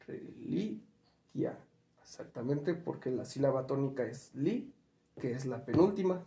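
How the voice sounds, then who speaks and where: Here the man's voice is mellow and mid-range, delivered at normal speed. His spelling lesson unfolds patiently in steps, with questions and examples, recorded in a space with roomy echo.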